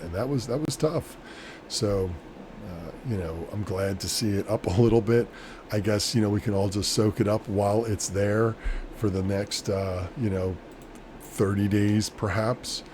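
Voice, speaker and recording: A man with a fairly low voice talks casually to his viewers as a solo vlogger. He rambles in a matter-of-fact, unscripted way. Clear background noise runs behind his voice. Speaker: vlogger, small-scale crypto miner. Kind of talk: casual off-the-cuff solo chat.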